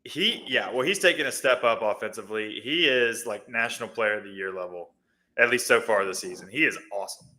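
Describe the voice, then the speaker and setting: A man's voice: on the low side, a little fast, bright, forceful tone. A man giving casual sports analysis, chatty and thinking aloud with fillers.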